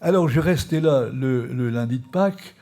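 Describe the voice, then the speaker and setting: A priest giving a spiritual training talk, telling an anecdote with many fillers and soft chuckles. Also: male voice, medium pitch, expressive, moderate pace. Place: live session before an audience.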